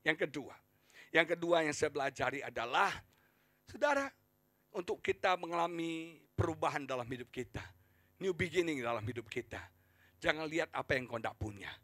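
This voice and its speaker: A male pastor preaching a sermon with passion, swinging from shouts to hushed asides and repeating phrases for emphasis. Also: fairly high pitch, animated, normal speed, no room sound. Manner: impassioned, swings from shouts to near whispers; repeats phrases for emphasis, addresses congregation as "saudara".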